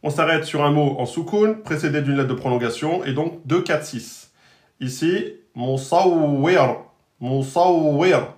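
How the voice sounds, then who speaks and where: A man's voice: a little high, normal speed. A man teaching an online lesson on Arabic letters, patiently repeating and drilling each pronunciation. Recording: roomy echo.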